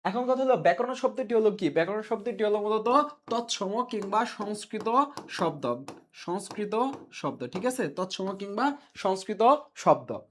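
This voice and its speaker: A man's voice: high-pitched, lively intonation, measured pace. A man with a Bangladeshi Bengali accent teaching a live online class, repeating each question and its answer and reading students' names from the comments.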